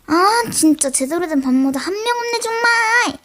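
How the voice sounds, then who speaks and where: Teen girl, high bright pitch, slightly sore throat, mock livestream role-play, bickering with chat. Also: animated, fairly quick. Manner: talks straight to imagined chat viewers, scolding and chatty. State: mild sore throat from a cold. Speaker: solo role-play creator.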